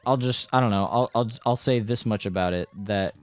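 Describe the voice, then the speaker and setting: A young man in casual conversation with a fairly low voice, rambling through stories with crude jokes and restarts. Faint music plays underneath. He talks loosely as a co-host with a friend. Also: brisk, clean tone. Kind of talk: casual chat.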